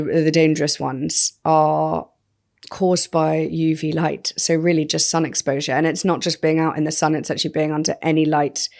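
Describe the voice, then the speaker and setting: A woman in casual podcast chat, with a voice sitting a little low. She tells stories with animated energy and laughs often. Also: gravelly. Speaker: podcast co-host.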